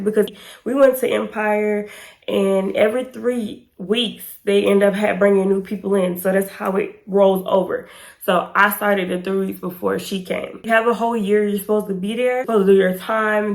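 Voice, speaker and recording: A woman in her twenties, an American YouTube storytime vlogger, chats to camera in an informal, slangy, emphatic way. Her medium-pitched voice sounds slightly hoarse and stuffy-nosed, congested from pollen.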